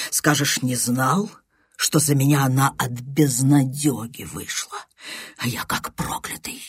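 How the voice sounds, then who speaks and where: A reader voicing a desperate, jealous man with a torn, hoarse, shuffling voice, speaking in a grim half-whisper. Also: mid-range voice, dry recording, studio quality. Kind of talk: audiobook character voice.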